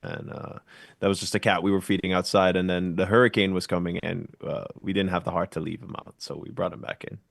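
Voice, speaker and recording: A man guest with a somewhat low voice talks in a relaxed, rambling way over a remote call. The sound is dry and close. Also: fast, creaky, dry recording. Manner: laid-back, rambling. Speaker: band member guest. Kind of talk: casual interview chat. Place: home studio.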